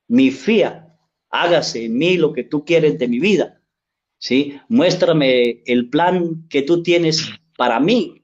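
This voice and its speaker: Earnest priest preaching, muffled audio. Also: male voice, on the high side, darkish tone. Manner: earnest storytelling, tag questions "¿sí?". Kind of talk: sermon.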